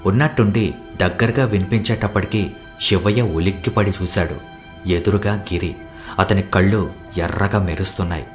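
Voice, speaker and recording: Man, storyteller, audiobook narration, low voice, all the character voices. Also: moderate pace, soft background music. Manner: plays all the characters himself.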